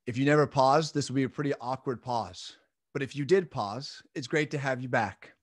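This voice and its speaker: A man's voice: mid-range voice, normal speed, no echo, studio quality. A man in his thirties giving a recorded midweek Bible lesson from a small room at home, speaking earnestly and encouragingly and laughing off his own slips. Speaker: church minister.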